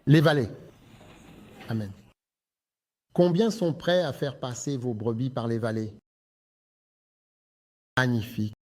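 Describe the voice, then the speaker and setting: A man's voice: medium pitch, slow, long pauses, a little mellow. Emphatic male pastor preaching. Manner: emphatic, addresses the congregation. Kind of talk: sermon.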